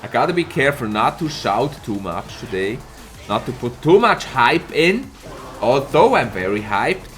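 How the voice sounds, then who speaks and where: A man commentates an esports match live and answers chat, lively and laughing often as he greets viewers by name, a little hoarse from a slight cold. He is a caster and streamer with a mid-range voice at normal speed, and soft music plays in the background.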